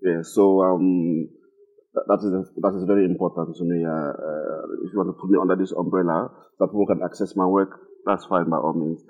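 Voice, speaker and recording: Deep-voiced man from Cameroon, muffled. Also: steady tone. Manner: measured, firm short statements. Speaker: writer on a panel. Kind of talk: live onstage conversation. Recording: dull, muffled audio.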